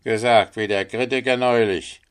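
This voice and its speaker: A man voicing a quarrelsome male water rat in a storybook reading, shrill and indignant, shouting. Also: unhurried, smooth, natural voice. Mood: furious.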